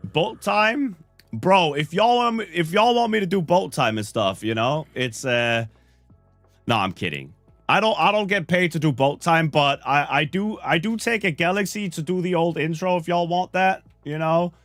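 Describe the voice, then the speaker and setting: His voice is on the high side and a bit bright, with no echo and soft background music, at a moderate pace. A Danish-accented streamer from Denmark, a little under the weather, he chats, jokes and rambles to viewers while gaming on a live stream.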